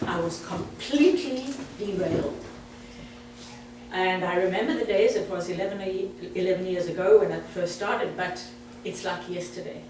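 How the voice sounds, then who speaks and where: Speaking to an audience in a meeting hall, a guest speaker in her sixties with a South African accent keeps her talk chatty. Her voice is lowish and darkish at a moderate pace, picked up by a distant mic in an echoey hall with slight background noise.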